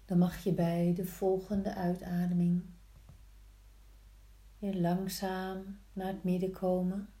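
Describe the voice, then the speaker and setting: A woman guiding a yoga practice slowly, in a soft, soothing, hushed voice with long pauses between short instructions. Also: fairly low pitch, monotone. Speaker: yin yoga teacher. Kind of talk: slow guided yoga instruction. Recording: roomy, echoing sound.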